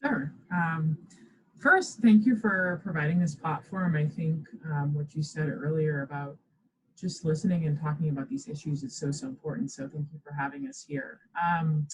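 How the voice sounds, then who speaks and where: A woman from the Bahamas, a professor, speaking thoughtfully as a podcast guest, measured and full of ums. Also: low-pitched, breathy edge, rough recording. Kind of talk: podcast interview.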